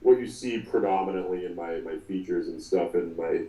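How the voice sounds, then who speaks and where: A man in his twenties is the guest in a casual interview, speaking haltingly with frequent restarts and ums. His low, mellow voice sounds distant in an echoey room, and the recording is low quality.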